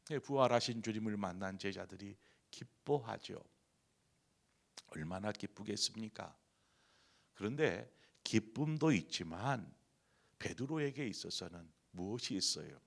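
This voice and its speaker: A man's voice: fairly low pitch, expressive, a little slow, vocal fry. A middle-aged man preaching an early morning sermon, telling a story and voicing quoted lines, building to emphatic peaks. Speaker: pastor.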